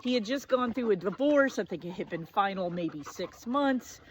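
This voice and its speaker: A woman in her forties, hosting her own show, telling a personal story in a casual, self-mocking way with excited high bursts and low asides. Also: normal speed, a little hiss or hum, poor audio.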